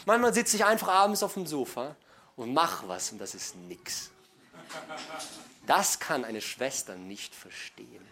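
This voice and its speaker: A middle-aged man preaching a sermon to his congregation, folksy and joking, dropping to hushed asides and then building to loud, emphatic passages. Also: mid-range voice, lively intonation, a little slow. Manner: folksy, joking, addresses listeners directly.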